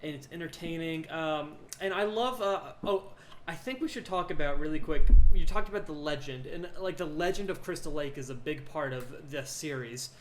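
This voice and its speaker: A man's voice: fairly high pitch, moderate pace. A man co-hosting a podcast, talking casually about horror movies, chatty with frequent filler words. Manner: chatty, laughs often, many fillers. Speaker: podcast co-host. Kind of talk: casual film discussion. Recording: echoey room with faint noise.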